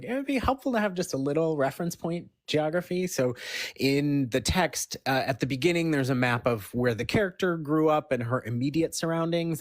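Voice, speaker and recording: A woman's voice: rumbling low, no echo. Dry-sounding woman author in casual interview. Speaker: fiction author being interviewed.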